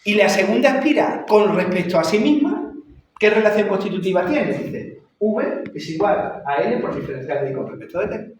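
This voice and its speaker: Man, lecturer, repeats and checks in, high-ish voice, distant mic. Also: animated, moderate pace, slight background noise. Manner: repeats and checks understanding with "¿vale?". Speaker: university lecturer. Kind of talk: classroom lecture. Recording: echoey room, voice far from the mic.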